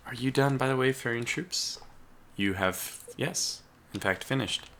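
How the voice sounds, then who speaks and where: With a little hiss or hum on the recording, a man with a mid-range, fairly bright voice talks to himself a little slowly during a casual strategy-game let's play. He's losing his voice, clearing his throat now and then over the sound of typing.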